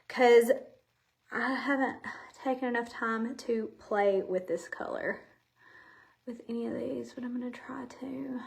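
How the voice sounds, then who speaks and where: A woman's voice: fairly high pitch, bright, forceful tone. A woman, chatting casually and a little out of breath while hosting a makeup live stream from home, rambling and talking straight to her viewers. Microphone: camera facing her.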